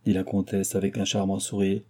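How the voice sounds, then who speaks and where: A man reading a classic novel aloud as an audiobook narrator, in a measured, even manner. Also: low-pitched. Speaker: audiobook reader.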